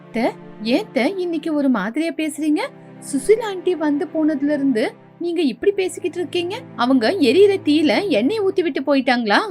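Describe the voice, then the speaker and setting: A woman voicing a patient young daughter-in-law who pleads and reasons in an animated story. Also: high-pitched, fairly quick, soft background music. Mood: pleading. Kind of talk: storybook voice acting.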